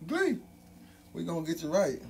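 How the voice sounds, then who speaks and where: A man's voice: on the high side, big pitch swings, normal speed, vocal fry, slight background noise. Hype man talking through a gold grill. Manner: hype, repetitive catchphrases, loud ad-libs. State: speaking with grill on teeth. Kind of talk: casual hype promo vlog.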